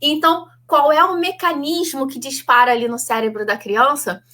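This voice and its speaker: High, bright Brazilian woman psychologist. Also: steady tone, moderate pace. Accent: Brazilian Portuguese. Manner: didactic, frequent checking "tá?" tags. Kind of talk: parenting advice talk.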